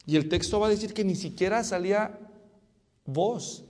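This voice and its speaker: A man preaching an expository sermon to his congregation, animated and joking with them. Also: sits high, moderate pace, big-room sound. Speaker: pastor. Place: church sanctuary.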